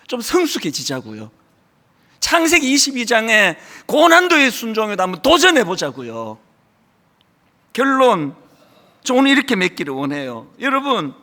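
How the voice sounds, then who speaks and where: A Korean pastor in his sixties delivering a sermon, emphatic, with loud stressed lines and sudden hushed drops. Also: high voice. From South Korea. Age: 60s. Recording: reverberant hall.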